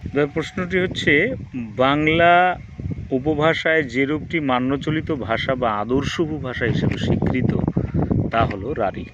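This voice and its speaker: Male teacher, quiz-style exam review, dull lo-fi sound with faint noise behind. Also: medium pitch. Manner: reads each question then its answer, steady drilling rhythm.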